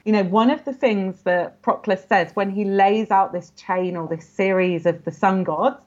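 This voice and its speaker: In a muffled, lo-fi recording, a woman scholar appears as a guest in an academic interview. Speaking at medium pitch and normal speed, she earnestly explains ancient texts, frequently dropping in "you know."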